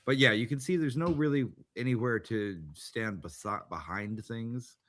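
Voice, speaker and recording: A man's voice: mid-range voice, normal speed, fairly bright tone. A man hosting a tabletop game show, chatting casually and rambling with many fillers and restarts. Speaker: podcast host. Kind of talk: casual chat.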